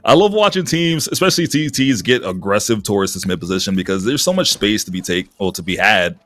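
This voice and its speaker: A man doing live esports commentary as a caster, lively and husky, with casual asides. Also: on the low side, brisk. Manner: animated esports caster delivery. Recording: music behind the voice. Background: music.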